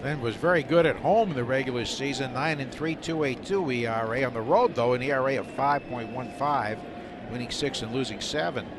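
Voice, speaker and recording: Calling live baseball on the radio, a play-by-play announcer speaks fairly quickly in a mid-range voice. Stadium noise and ambience fill the broadcast.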